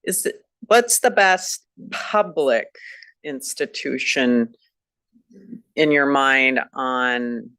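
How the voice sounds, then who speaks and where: A man on a board asking a question in a halting, hesitant, self-deprecating way during a meeting. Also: medium pitch, pushed and bright, smooth, no room sound. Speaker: board trustee.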